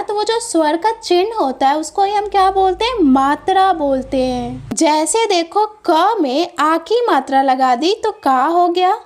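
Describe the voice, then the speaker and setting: A woman's voice: very high-pitched, a little mellow. A woman teaching a grammar lesson to children, speaking patiently and drawing out her example words. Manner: slow, patient, explains with drawn-out examples.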